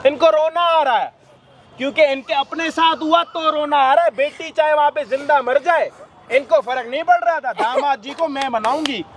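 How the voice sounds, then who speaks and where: A man runs a staged confrontation out on a street, his voice pitched unusually high for a man. He talks in a bossy, taunting way, firing off orders and mocking the person in front of him. A faint hum of outdoor noise sits behind him. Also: fairly bright tone. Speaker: confronting host.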